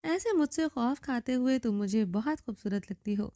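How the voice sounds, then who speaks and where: A domineering young man , read out by a woman narrator, issues cold, clipped orders in a storybook reading. The voice stays somewhat high and mellow. The sound is dry and close. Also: lively intonation, dry recording, lightly acted. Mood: cold commanding. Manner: icy, commanding.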